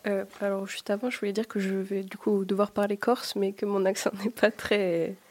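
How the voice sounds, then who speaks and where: A young woman, a student, narrating her own story aloud on the radio in a steady, careful way. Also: medium pitch, normal speed, very noisy. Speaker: student reader.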